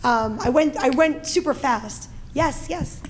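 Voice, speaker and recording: A middle-aged woman with a Brooklyn accent, giving a loud, animated conference talk and taking questions. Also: high voice, crowd noise. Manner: loud, animated, quick talker. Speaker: presenter. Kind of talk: conference presentation and Q&A.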